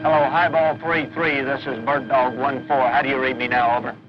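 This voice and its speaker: A man's voice: medium pitch, level tone, brisk, over music. A young man as a methodical Marine radio operator, giving clipped military calls over a field radio. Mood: businesslike. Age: young adult. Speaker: marine forward air controller on radio. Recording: dull vintage film, noisy radio and vehicle.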